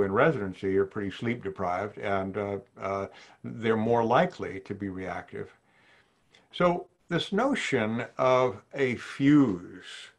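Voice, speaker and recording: An older psychiatrist from New Orleans, USA, with a voice on the low side, gives a measured, thoughtful webinar lecture to physicians over slides. He often poses questions to his listeners, and he is heard through a video call webcam in his home study.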